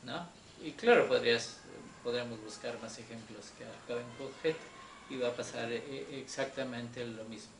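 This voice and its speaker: A man teaching Hebrew grammar in a Torah class, slow and patient, often checking that his students follow. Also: mid-range voice, vocal fry. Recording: echoey room with faint noise.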